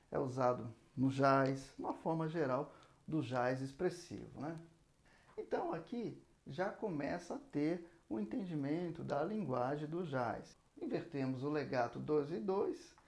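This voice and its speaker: A man's voice: a little high, darkish tone. A man teaching a casual saxophone lesson, explaining patiently and singing out rhythm syllables as he goes. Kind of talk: casual spoken music lesson.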